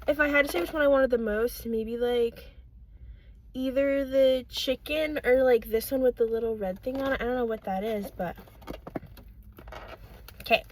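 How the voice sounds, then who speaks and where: A young adult woman chatting casually and excitably as she films an unboxing, given to gushing exclamations. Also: on the high side, normal speed, pauses often, a little hiss or hum. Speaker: unboxing vlogger.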